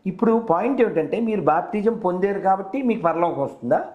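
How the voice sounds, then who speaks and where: His voice sits high and sounds animated, and he talks fast. As host of a conversational debate on a call, he persistently steers with leading questions, captured in an echoey, roomy phone recording.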